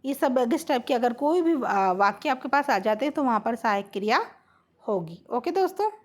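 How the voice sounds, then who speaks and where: A woman's voice: a little high, lively intonation, normal speed. A woman teaching a Hindi grammar lesson, explaining each point step by step, repeating her examples and checking in with her students.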